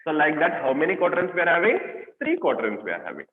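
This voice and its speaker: A man's voice: a little high, wildly swooping pitch. Man with an Indian accent, echoey and tinny. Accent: Indian English. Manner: halting explanations with many fillers and questions to students. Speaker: teacher. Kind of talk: online class lecture. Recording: echoey room, tinny phone-like sound.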